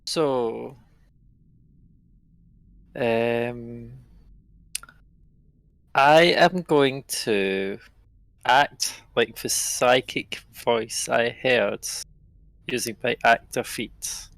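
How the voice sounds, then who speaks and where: Slow-paced man playing a tabletop game. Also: medium pitch, vocal fry, a bit bright, no echo, poor audio. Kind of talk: casual, deliberate game talk.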